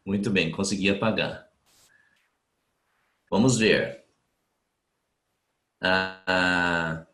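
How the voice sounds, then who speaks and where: A man's voice: low-pitched, a bit bright, reverberant. A man teaching German grammar in a live online class, who reads out students' questions and explains each point patiently, step by step.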